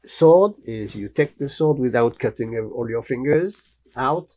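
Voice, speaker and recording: An older Frenchman, a martial arts teacher, tells stories as a guest in a relaxed interview, wearing a lapel mic in a small indoor studio with wooden cabinets. His mid-range voice is a little slow, and he's blunt and animated, gesturing with his hands as he speaks.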